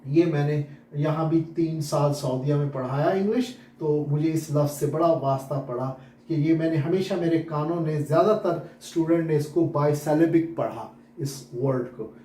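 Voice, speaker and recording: A man's voice: on the high side, mellow, reverberant, slight background noise. Man teaching English pronunciation in Urdu. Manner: repeats words slowly and corrects students. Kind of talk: classroom lesson on pronunciation. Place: classroom with whiteboard.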